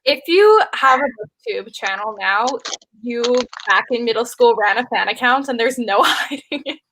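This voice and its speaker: A woman's voice: fairly high pitch, expressive, moderate pace, noisy background. A woman co-hosting a casual book chat with friends, talking emphatically and laughing easily. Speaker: co-host of a book chat livestream.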